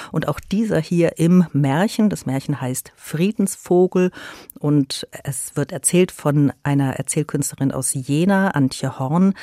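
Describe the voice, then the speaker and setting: A woman's voice: sits low, dark tone, no room sound, clean studio sound. A woman on a radio show who presents a story podcast and speaks enthusiastically and explains things. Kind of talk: radio interview.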